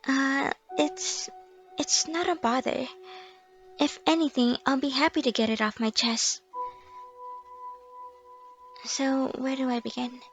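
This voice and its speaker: A woman's voice: high-pitched, steady tone, slow pace, long pauses, dull audio, faint music behind. A woman playing a timid, self-loathing young female stalker in an ASMR role-play, sweet and eerily obsessive, rambling with nervous apologies. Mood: hesitant, self-loathing.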